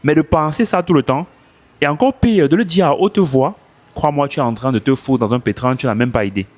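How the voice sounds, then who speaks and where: A man's voice: fairly high pitch, fairly quick. A man coaching French speakers on learning English, talking casually into his phone outdoors and repeating his points for emphasis. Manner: animated, repeats himself for emphasis. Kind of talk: casual advice vlog.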